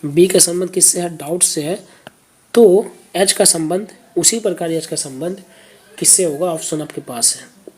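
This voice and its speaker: Woman teacher doing reasoning problems, patient and repeats stuff, kinda husky mellow voice. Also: on the low side, a little slow. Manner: patient, repeats answers, checks in with viewers. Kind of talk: explaining exam questions step by step.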